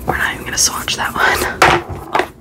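Casting: woman for whispered ASMR vlog, soft and fully breath-voiced, informal, opinionated chat. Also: unhurried. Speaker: beauty vlogger.

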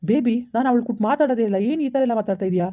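A woman playing Arun, a smooth-talking two-timer. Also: a little high, lively intonation, rapid-fire, phone-quality sound, lightly acted. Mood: coaxing. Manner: coaxing, placating. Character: young married man, smooth-talking deceitful lover.

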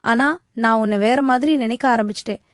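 A woman's voice: fairly high pitch, steady tone, brisk, no room sound, clean studio sound, lightly acted. A woman voicing a sly, pushy teenage younger brother who talks in a coaxing, wheedling way.

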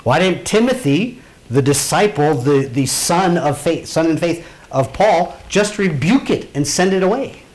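A man's voice: a little high, animated, unhurried, darkish tone. A man runs a small Bible class in an easy, conversational manner, tossing questions out to his students. His voice sits a little above the usual male range. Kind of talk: informal Bible lesson to a class.

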